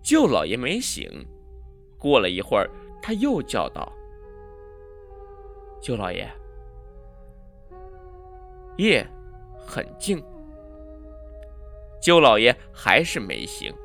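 Slow, suspenseful male storyteller. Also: medium pitch, huge pitch swings, gravelly, soft background music. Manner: suspenseful, swinging between hushed and loud. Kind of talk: dramatic horror story narration.

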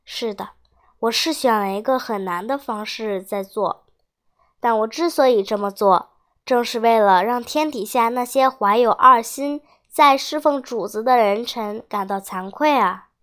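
A woman's voice: a little high, measured pace, fairly bright tone. A woman voicing a proud, grieving male retainer with a solemn, resolute manner in a storybook tale. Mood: solemn resolve.

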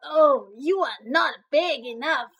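A woman voicing a grouchy, boastful little ladybug who shouts in a screechy, drawn-out way in a storybook reading. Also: high-pitched, heavily acted. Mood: blustering. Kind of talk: storybook read-aloud.

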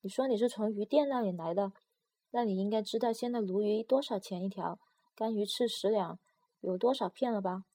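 A woman's voice: medium pitch, a little fast, warm tone, close to an everyday voice. A woman doing a chatty, curious pill-box neighbor.

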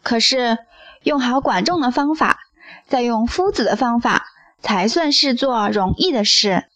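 Eager chatty young disciple, slow and bright, exclaiming, dry close sound, as a woman storyteller voices him. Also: a little high, lively intonation, dry recording.

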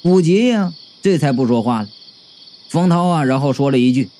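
A man's voice: mid-range voice, normal speed. A man narrating a comic first-person audiobook in a chatty, playful way. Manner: chatty, playful, with sudden lively swoops.

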